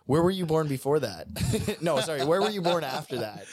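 A man's voice: on the high side, expressive, a little fast, husky. A man hosting a podcast, asking questions in a joking, teasing way and laughing often. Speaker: podcast host. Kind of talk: casual podcast chat.

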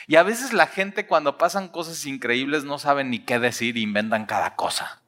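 A man's voice: mid-range voice, animated, normal speed, sharp tone, big-room sound. A man preaching an expository sermon, laughing often, using casual slang and acting out the people in the story.

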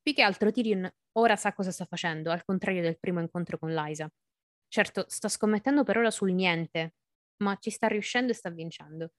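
A woman's voice: mid-range voice, a little fast, no echo, clean studio sound. A woman hosting a podcast, chatting about a novel and reading passages aloud, laughing often. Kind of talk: casual book-club chat with read-aloud passages.

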